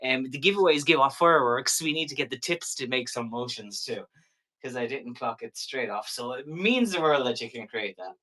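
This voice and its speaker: A man's voice: mid-range voice, animated, moderate pace, sharp tone, low-quality recording. A man hosting a live-stream shopping show, selling in a casual, chatty, rambling way with jokey asides.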